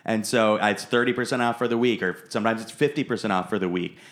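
A man's voice: fairly low pitch, fast talker, a bit bright. A man co-hosting a podcast, chatting casually, rambling and swearing as he goes. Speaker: podcast co-host. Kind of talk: casual chat.

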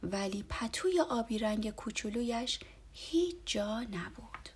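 A woman reading a children's story aloud in a soft, half-whispered way. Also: on the high side, husky.

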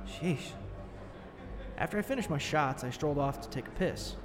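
A man playing a defensive, shaken young man giving witness testimony in an audio horror story, informal and halting. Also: a little high, expressive, background noise, lightly acted. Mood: irritated. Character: defensive, shaken 23-year-old male attack witness.

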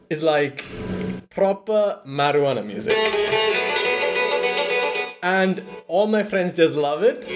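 A man from Kerala, a native Malayalam speaker with a South Indian accent, chatting casually and inquisitively as an interviewer. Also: high voice.

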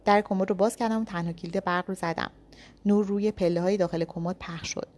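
A woman's voice: mid-range voice, fairly even intonation, darkish tone. A woman reading a first-person thriller story aloud with tense, dramatic storytelling. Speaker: narrator.

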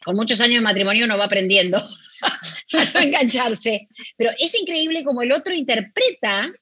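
A woman's voice: on the high side, lively intonation, brisk, sharp tone, slightly rough, no room sound. A middle-aged woman with a Rioplatense Spanish accent, a guest in a conversational interview, talking expressively and acting out quoted dialogue.

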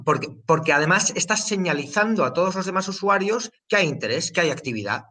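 A man's voice: sits high, animated, quick pace, pushed and bright, far from the mic. A man guest explaining things in casual talk, restarting and repeating himself often as he thinks aloud. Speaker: guest explaining a trading platform.

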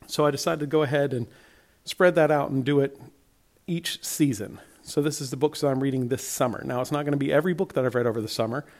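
Talking fast with a steady, slightly mellow tone at medium pitch, a man from Alabama with a Southern accent runs a friendly, rambling solo podcast. His voice is worn and he sounds tired after a wearying week.

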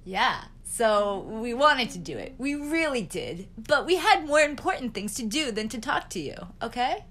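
A woman's voice: a little high, sing-song, moderate pace, hardly any pauses, a bit bright. A woman co-hosting a podcast in casual chat, playful and laughing, stretching out her words. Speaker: podcast co-host.

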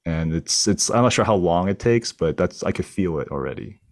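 A man's voice: low-pitched, lively intonation, moderate pace, no room sound, studio quality. A man around forty co-hosting a faith podcast, talking in an easygoing way with sports comparisons. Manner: easygoing, uses sports comparisons, laughs lightly. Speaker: podcast co-host. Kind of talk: casual faith podcast discussion.

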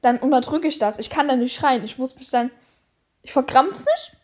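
A woman's voice: high voice, normal speed. A woman in casual chat with a friend, eager and gushing, sometimes stumbling over words. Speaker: co-host.

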